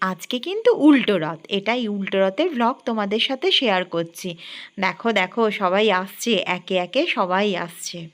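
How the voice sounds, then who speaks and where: Cheerful and animated, this young vlog host treats her viewers as friends and fires off plenty of questions in a chatty way. Her voice is mid-range, and she talks at a normal speed.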